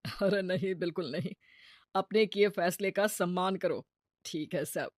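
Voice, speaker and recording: A woman voicing a kindly older father-in-law in a cartoon story, speaking soothingly in a lowered voice. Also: measured pace, no echo, clean studio sound, lightly acted.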